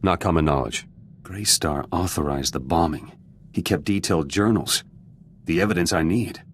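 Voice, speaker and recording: Grim and bitter, the gruff revolutionary-turned-politician of a video game speaks in a very deep voice at normal speed. His lines come out as terse, blunt fragments, guarded and cynical. Faint ambient noise can be heard behind him.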